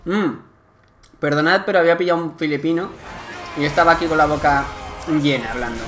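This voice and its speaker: A young man from Spain with a Spanish accent, commenting live on his gameplay, excitable and swearing often in frustrated outbursts. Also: on the high side, brisk, faint music behind. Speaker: gaming youtuber.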